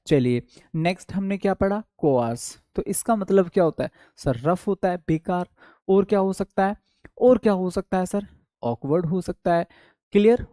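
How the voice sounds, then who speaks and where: This man teaches English vocabulary online for exam prep, asking and answering his own questions and drawing key words out slowly for memory. His voice sits high but has a dark tone, and the recording is clean studio sound with no room sound.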